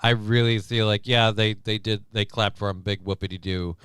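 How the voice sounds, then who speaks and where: Male co-host, rambling and profane, smooth clear voice, dry close mic. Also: on the low side, fairly even intonation, moderate pace, a bit bright, dry recording. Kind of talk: casual chat.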